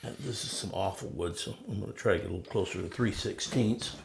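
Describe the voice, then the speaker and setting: A man's voice: low-pitched, quick pace, gravelly, a little hiss or hum. A man casually demonstrating a woodworking technique in a folksy, self-deprecating way while he works.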